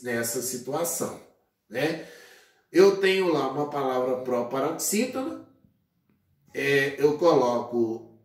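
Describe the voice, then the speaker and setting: A man with a Brazilian Portuguese accent teaching a grammar lesson, speaking deliberately, spelling out syllables and filling pauses with "é" and "né". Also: on the high side, recorded from a distance. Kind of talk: slow classroom grammar lesson. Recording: very echoey room, voice off-mic.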